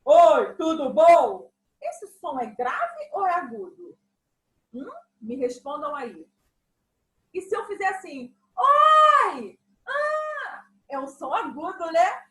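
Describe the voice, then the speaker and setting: A woman with a high, lively voice explains things slowly and patiently to small children, like a music teacher at a lesson. Her speech leaps around in pitch. The sound is roomy and echoey. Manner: patient, animated explaining with examples.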